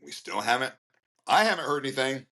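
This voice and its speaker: A man hosting a news commentary show, reading headlines and breaking into animated, emphatic opinionated asides. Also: mid-range voice, fairly quick. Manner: animated, ranting asides between read headlines; excitable, gets worked up and emphatic.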